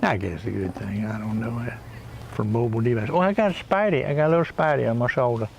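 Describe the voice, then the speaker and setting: A rambling backwoods man with a drawl, played by a man, his gravelly voice at an everyday pitch. He meanders through a comic outdoor monologue by the water, chuckling to himself. Faint background noise sits under his voice. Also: fast, lightly acted. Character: rambling rustic backwoods man, folksy and cranky. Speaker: comedy monologue host.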